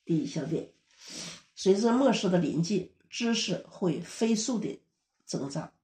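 Woman preacher, steady explanatory sermon delivery, mellow voice, echoey room. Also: on the low side, measured pace. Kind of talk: sermon teaching.

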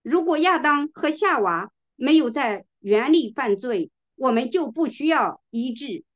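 A woman preaching a sermon, reading scripture slowly and with emphasis, now and then clearing her throat. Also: high voice, lively intonation, lo-fi sound.

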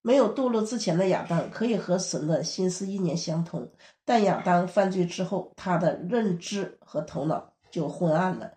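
A woman's voice: on the low side, moderate pace. Woman preaching in an echoey room. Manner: steady, explanatory preaching. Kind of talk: sermon teaching.

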